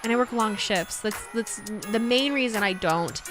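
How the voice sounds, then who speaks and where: A woman's voice: fairly high pitch, moderate pace, music in the background. A woman in her thirties streaming and chatting casually, rambling and correcting herself as she reads chat. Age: 30s. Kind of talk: casual livestream chat, reading chat.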